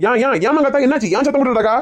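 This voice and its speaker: A woman with a Kanyakumari Tamil accent playing a bossy woman who organises a group tour and scolds quickly. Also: sits high, lightly acted. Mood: scolding. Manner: rapid-fire scolding.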